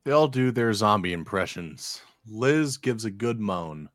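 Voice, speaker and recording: A man's voice: fairly low pitch, lively intonation, a little slow, fairly bright tone, no room sound, studio quality, soft background music. A man reading screenplay stage directions aloud as an amateur narrator. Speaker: amateur script reader.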